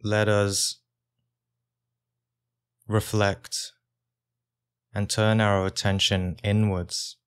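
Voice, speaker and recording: Speaking very slowly in a clean, low-pitched voice, a male meditation teacher gives guided meditation instructions. He stays calm and unhurried, leaving long pauses between brief phrases.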